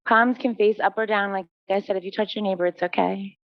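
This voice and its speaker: A woman teaching a live yin yoga class, giving gentle, unhurried cues and laughing lightly at herself now and then. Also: mid-range voice, fairly even intonation, no room sound. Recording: dull, dry studio recording.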